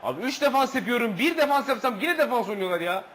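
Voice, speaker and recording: A man's voice: very high voice, animated, fast talker, fairly bright tone, a little hiss or hum, poor audio. A man commentating his own football video game match, swearing, groaning and slipping into mock play-by-play. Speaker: gaming channel host. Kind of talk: gameplay commentary.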